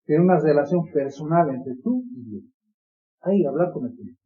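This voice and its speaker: A man's voice: on the high side, expressive, fairly quick, narrow, tinny audio. A man preaching a sermon in an earnest, pleading manner, with many repetitions.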